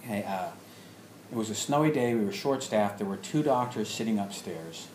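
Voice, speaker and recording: An alternative health practitioner and storyteller, this man speaks low, expressive and a touch mellow, recounting a personal story to an audience. He halts as he goes and performs the remembered conversations, all captured with roomy echo and background noise.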